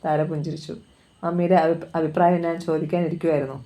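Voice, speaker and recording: A woman's voice: deep voice, flat delivery, quick pace, warm tone. A woman reading a novel aloud, telling the story steadily and lightly voicing the dialogue. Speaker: novel reader.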